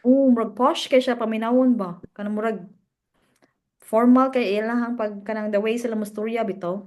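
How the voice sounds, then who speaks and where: A woman's voice: fairly high pitch, steady tone, moderate pace, darkish tone. A woman with a Cebuano accent co-hosting a podcast, chatting casually, mixing English and Cebuano and laughing often. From Cebu, Philippines. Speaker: podcast co-host. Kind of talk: casual chat.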